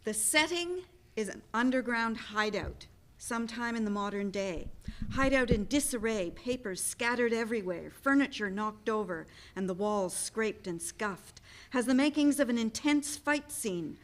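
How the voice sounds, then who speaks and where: Hosting a live play reading, a woman reads aloud the narration and stage directions in an expressive, somewhat high voice at normal speed. The recording is low quality, with slight background noise.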